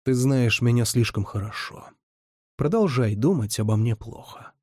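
A man reading the lines of a guarded young male ruler with dry humor, in a low, terse delivery. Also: animated, normal speed, mellow, no echo, close to an everyday voice. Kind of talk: audiobook character reading.

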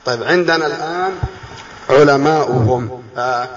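A man teaching a class, quizzing his students with questions, drawing key words out slowly and putting on a student's puzzled voice. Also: on the high side, muffled recording. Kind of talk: classroom lesson.

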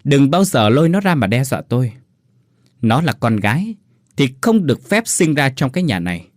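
A man's voice: medium pitch, sing-song, moderate pace, no room sound, studio quality, lightly acted. A man voicing a cold, contemptuous husband who snarls through gritted teeth.

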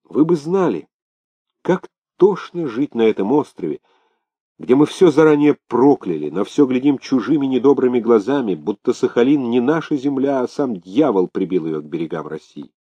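A man's voice: medium pitch, sing-song, moderate pace, mellow, breathy edge, dry recording, voice pushed up. A brooding army officer from a spoken storybook, venting with bitter indignation, as a male reader acts him out. The voice is lifted above the reader's own and rises and falls a lot, with a dull, lo-fi sound.

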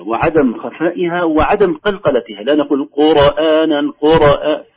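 A man teaching the rules of Quran recitation, explaining each rule and then reciting slow, drawn-out examples. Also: medium pitch, slightly rough, dull audio. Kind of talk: tajweed lesson with recited examples.

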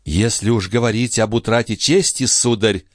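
A man voicing a proud young noblewoman, distraught and furious, crying out in a raised falsetto. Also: lively intonation, a little fast, no room sound, clean studio sound, natural voice. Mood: haughty. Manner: shrieking, sobbing cries in a raised falsetto. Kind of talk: dramatic audiobook reading.

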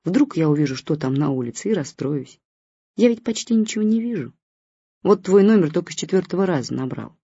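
Woman doing a grumpy old man: bossy, reproachful, darkly wry. Mellow, husky tone. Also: lowish voice, animated, fairly quick, no room sound. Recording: dull lo-fi recording.

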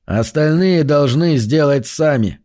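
A man voicing a proud, cold male android leader in an audiobook, speaking slowly and commandingly. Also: on the high side, warm tone, close to an everyday voice.

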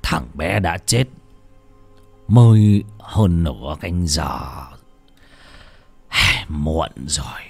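Grave male exorcist, low, soft, unhurried, narrator voicing him. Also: creaky, husky, soft background music, exaggerated voice. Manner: slow, low, grave and hushed. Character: calm, grave male exorcist master, middle-aged.

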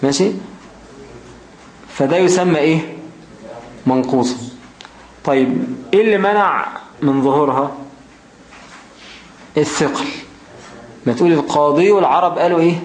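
A man with an Egyptian accent teaching grammar, his voice a bit higher than most men's. He reads the text slowly and keeps asking his listeners rhetorical questions. The room sounds echoey, with a faint hum behind him. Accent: Egyptian Arabic. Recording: roomy echo, faint background noise.

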